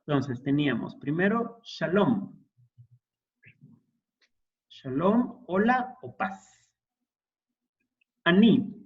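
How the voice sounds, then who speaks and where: A man's voice: on the high side, sing-song, extremely slow, pauses often, muffled recording. A man teaching an introductory Hebrew class, explaining patiently and checking in with his students. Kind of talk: classroom lesson.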